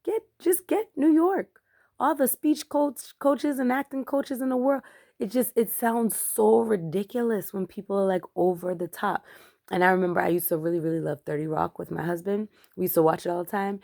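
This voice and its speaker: A woman giving a chatty, emphatic review of a movie in a casual vlog, growing animated as she rants. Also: medium pitch, brisk, gravelly. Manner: chatty, emphatic, gets animated when ranting. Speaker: film reviewer.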